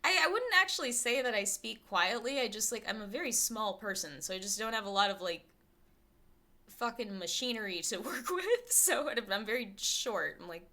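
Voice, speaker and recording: A woman streamer thinks aloud for her viewers in casual chat, her small, light, bright voice carrying little bass. She's candid and profane, rambles and circles back on her thoughts, and laughs often mid-sentence.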